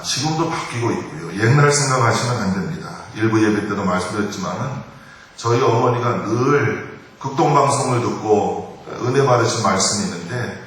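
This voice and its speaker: A man's voice: on the low side, a bit bright, a little hiss or hum. A man preaching as a pastor in a church, telling folksy, humorous stories. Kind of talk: sermon with storytelling. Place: church sanctuary. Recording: echoey church hall from far off.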